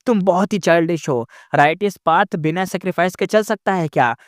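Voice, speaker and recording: A man's voice: high voice, a little fast, no echo, clean studio sound, lightly acted. A man voicing a stern, angry male master immortal who scolds harshly and gives orders. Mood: angry scolding.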